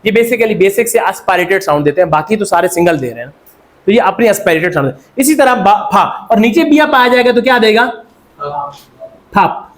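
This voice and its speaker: A man's voice: sits high, expressive, fairly quick. A Pakistani man teaching a classroom lecture, quizzing students and repeating their answers. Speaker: Korean language teacher.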